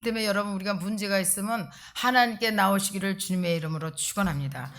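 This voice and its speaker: A middle-aged woman pastor preaching a sermon in an emphatic, conversational way, tossing in quick rhetorical asides to the congregation. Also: mid-range voice, a bit bright.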